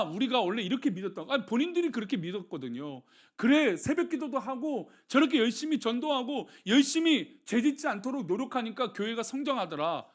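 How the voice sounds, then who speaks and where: A middle-aged man from Seoul, a senior pastor preaching a sermon and talking with his congregation. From Seoul, South Korea. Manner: animated preaching, asks the congregation questions, drops low for blessings.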